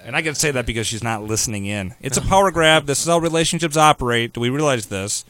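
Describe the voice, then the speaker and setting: A man's voice: medium pitch, animated, fast, a bit bright, no room sound. A man hosting a talk radio show, ranting in a sarcastic, opinionated way.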